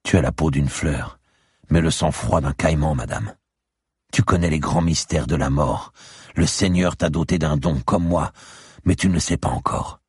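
Guy putting on an old tearful mystic lady, urgent and pleading, raspy, dry close sound. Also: moderate pace, darkish tone, dry recording, heavily acted. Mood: solemn. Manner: pleading, urgent, raised high voice. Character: tearful old woman neighbor, mystical, frantic.

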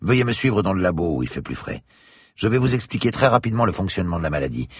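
Guy doing a stiff science prof lecturing, husky voice, bit higher than his own, bouncy pitch. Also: very animated, fast talker, no room sound, exaggerated voice. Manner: lecturing, precise. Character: grave, pedantic male parasitology professor.

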